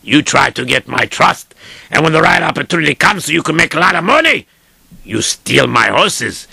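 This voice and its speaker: A man's voice: sits high, sing-song, slow pace, creaky, pushed and bright, slightly rough, dry recording, heavily acted. A man voicing a rich, arrogant, hot-tempered lord who barks orders at his servant and guards. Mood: furious. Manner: bossy, barking orders. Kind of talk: amateur audio storytelling.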